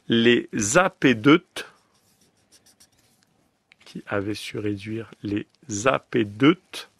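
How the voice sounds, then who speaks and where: A man's voice: mid-range voice, a bit bright, no echo, studio quality. A man reading a dictation on the radio, going word by word, calling out the punctuation and repeating each phrase. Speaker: dictation reader. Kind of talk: slow, deliberate dictation. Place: radio studio.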